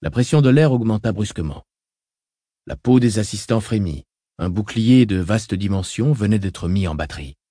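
Male audiobook narrator, measured and dramatic, lowish voice, dry close sound. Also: expressive, mellow, slightly rough, dry recording.

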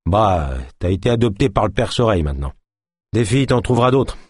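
A man playing a gruff, suspicious male guard who grumbles and speaks bluntly, read in an audiobook. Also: on the low side, expressive, brisk, no room sound, studio quality. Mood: teasing.

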